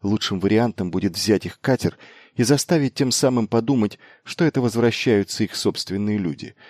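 A man's voice: fairly low pitch, a little mellow, no echo, studio quality, close to an everyday voice. A man reading a brash young noble commander. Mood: grim urgency. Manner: insistent, quick-witted, commanding.

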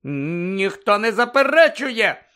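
Man doing a shrill middle-aged mother, scolding, high and loud, audiobook. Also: animated, a little slow, exaggerated voice. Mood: agitated. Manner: shrill, pleading, nearly shouting. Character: stern worried mother, middle-aged woman.

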